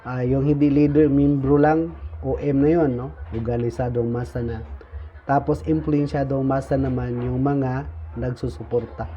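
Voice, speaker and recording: A man explaining levels of membership in an informal talk, pausing often on fillers and tagging lines with "no?". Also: mid-range voice, flat delivery. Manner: frequent "no?" tag questions, halting with fillers. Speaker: speaker explaining insurgent recruitment levels. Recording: dull lo-fi recording with faint noise.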